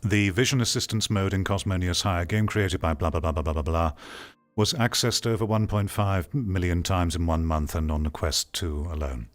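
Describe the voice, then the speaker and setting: A low-pitched man speaking at normal speed gives opinionated video commentary on an article. He reads parts of it aloud and reacts bluntly, dismissively and argumentatively.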